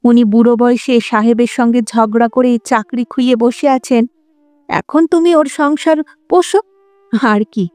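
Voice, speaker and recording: A woman's voice: a little high, darkish tone, clean tone, no room sound, lightly acted. A woman voicing an indignant young wife and mother in an audiobook, bitter and reproachful. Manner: bitter, reproachful, quick retorts. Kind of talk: audiobook character voice.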